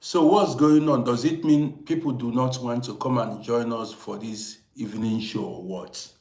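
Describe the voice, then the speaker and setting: A fifty-eight-year-old Viennese man hosts an informal livestream as a storyteller, addressing viewers emphatically and insistently repeating his phrases. His medium-pitched voice is a little mellow, with fairly even intonation at normal speed, in an echoey room.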